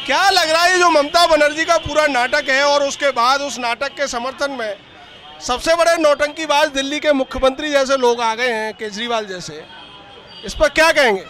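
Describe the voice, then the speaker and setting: A man's voice: very high-pitched, normal speed, bright, forceful tone. A man reporting out on a city street, firing pointed, leading questions at passersby. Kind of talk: vox-pop street interview.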